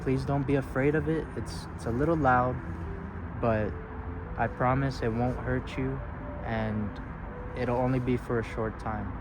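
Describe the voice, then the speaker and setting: A man's voice: medium pitch, steady tone, measured pace. Polite male ghost hunter outdoors, noisy background. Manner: polite, coaxing, addresses the unseen directly. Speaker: paranormal investigator hosting a video. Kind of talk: casual narration and gentle questions to spirits. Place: outdoors at a roadside parking lot grave site. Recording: clear outdoor traffic and ambient noise.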